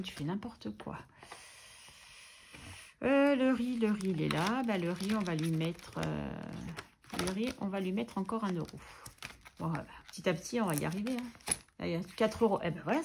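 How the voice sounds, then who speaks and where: A woman's voice: mid-range voice, creaky, background noise. A French woman vlogging about her budget, chatting casually and teasing herself while she works, a little under the weather. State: coughing, a bit ill. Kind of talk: casual chatty voice-over while doing crafts.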